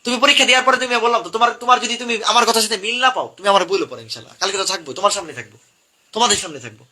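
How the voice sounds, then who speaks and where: A man's voice: high-pitched, racing, bright, forceful tone. A young man, coaching students for an admission exam in a live class, drilling topics over and over.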